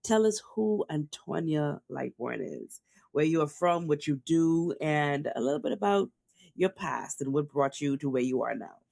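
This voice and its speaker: A woman's voice: deep voice, expressive, normal speed, gravelly, a little mellow, dry recording, clean studio sound. A woman hosting a podcast interview, asking her guest questions with enthusiasm over a video call. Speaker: podcast host.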